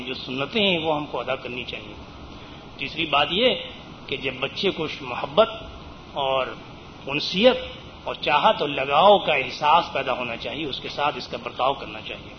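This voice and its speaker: An earnest male preacher explains his teaching at length, lifting his voice to stress key points. His voice sits a little high for a man. The recording is dull and lo-fi, with a faint hiss underneath. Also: expressive. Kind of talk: religious lecture on raising children.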